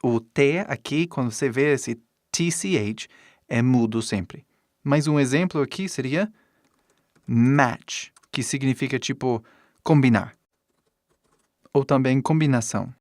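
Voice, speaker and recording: A man's voice: mid-range voice, measured pace, darkish tone, dry recording, clean studio sound. A middle-aged man teaching pronunciation as a language teacher. English is his first language, and his Portuguese carries an English-speaking accent. He speaks patiently, repeating example words, exaggerating the sounds and often checking in with his listeners. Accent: English-speaking learner's Portuguese. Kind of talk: pronunciation lesson.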